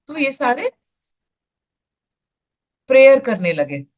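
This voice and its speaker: A woman leads an online wellness session, explaining her slides in a slightly high voice. She talks very slowly and often restarts or repeats words as she goes. Her audio comes through a call, a little dull and lo-fi. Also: big pitch swings. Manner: unhurried, repeats words with many restarts and fillers.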